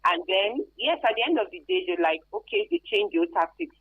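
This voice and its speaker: As a guest on a radio interview, a Nigerian-accented anti-trafficking expert explains things conversationally and repeats phrases to stress them. She's very animated and brisk, with a mid-range, slightly rough voice, heard through muffled, dry lo-fi radio audio without echo.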